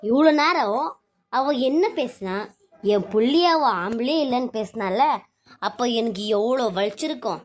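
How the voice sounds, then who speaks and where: A woman's voice: a little high, moderate pace, natural voice. Woman doing a scornful, wailing mother-in-law. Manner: scolding, melodramatic wailing. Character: domineering middle-aged mother-in-law, scornful and self-pitying.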